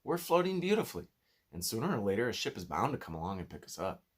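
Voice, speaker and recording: A man's voice: fairly low pitch, big pitch swings, quick pace, breathy edge. A man reads the part of a clever young boy in a children's storybook. He is earnest and patient, always hopeful, and keen to reassure. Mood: reassuring.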